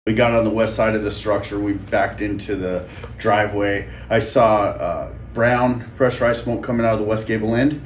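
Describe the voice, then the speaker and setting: A male fire commander gives a methodical account of an incident. His voice sits a little low. The room echoes noticeably, with faint noise. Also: fairly even intonation, normal speed. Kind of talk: recounting an incident response.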